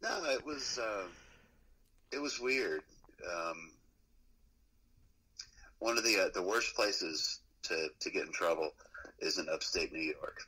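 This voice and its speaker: A middle-aged man with a very low, husky voice spins a loose, profane story, laughing as he goes. His tone is bright despite the depth. It is a casual interview chat. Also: animated, takes it slowly, pauses often, low-quality recording. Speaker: musician guest.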